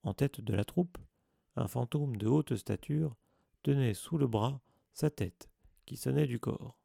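A man narrates an audiobook at a measured pace, in a deep gravelly voice. His tone is dark and mellow. The sound is dry and close to the mic. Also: no echo. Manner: measured, storytelling reading.

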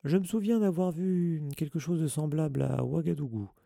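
Casting : homme jouant un sorcier fanfaron et pompeux, voix plus aiguë. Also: male voice, fairly high pitch, moderate pace, gravelly, dark tone, no room sound, clean studio sound, voice pushed up. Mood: vantard. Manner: pompous, self-satisfied. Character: vain boastful male wizard teacher.

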